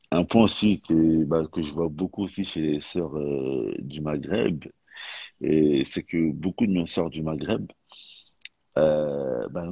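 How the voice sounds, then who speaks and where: A man's voice: rumbling low, dark tone, slightly rough, no room sound. A man chatting on a live stream, telling stories with frequent restarts. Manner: storytelling, repetitive restarts. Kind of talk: casual chat.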